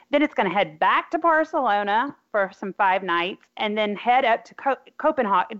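Female podcast co-host, Arkansas accent, casual delivery, higher register, dull audio. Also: a bit bright. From Arkansas, USA. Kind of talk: casual travel podcast talk.

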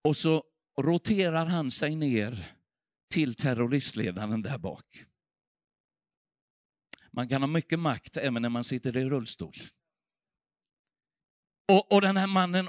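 A middle-aged man preaching a sermon, telling a revival story with fervour, swinging between hushed and loud passages. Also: fairly high pitch, pauses often, no echo, studio quality. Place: church.

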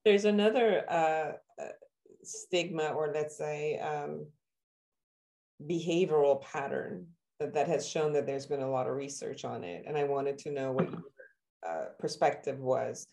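A woman from Iran, a therapist, hosting a conversational interview and asking long, searching questions, sometimes acting out reactions with sudden high exclamations. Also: unhurried, gravelly, dark tone. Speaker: therapist and podcast host.

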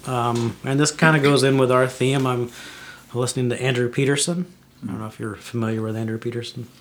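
A man co-hosting a podcast, explaining things in casual chat in a halting way. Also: medium pitch, steady tone, slight background noise. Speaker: podcast co-host.

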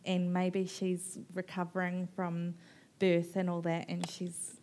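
Animated, rambling woman author. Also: fairly low pitch, slow, slight background noise. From New Zealand. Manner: animated, rambling, laughs often, mimics people. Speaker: author guest. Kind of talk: live festival conversation.

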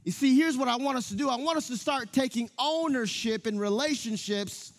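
A man in his thirties, a pastor preaching a sermon, who tells stories with lively delivery and speaks directly to the congregation. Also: very high voice, brisk, gravelly, long reverb tail. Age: 30s. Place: church sanctuary.

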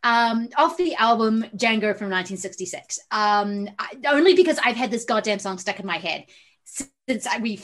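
A woman's voice: mid-range voice, expressive, moderate pace, a bit bright. A woman with an Australian-New Zealand accent chatting on a podcast, laughing easily and stumbling over names. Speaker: podcast co-host. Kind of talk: casual podcast chat.

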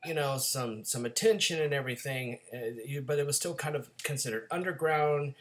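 Raspy, gravelly male podcast co-host with a cold. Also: medium pitch, brisk, a bit bright. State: getting over a cold. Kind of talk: casual film-discussion podcast talk.

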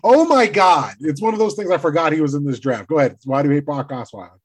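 A man's voice: fairly high pitch, lively intonation, fast, breathy edge. A man co-hosting a sports podcast in casual chat, teasing dryly while reading out draft picks. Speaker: podcast co-host.

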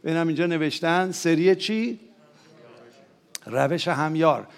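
Higher-voiced Persian-accented preacher. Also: male voice, vocal fry. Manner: calls out questions and prompts the congregation to answer aloud; rises to emphatic, excited peaks. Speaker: pastor. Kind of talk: sermon.

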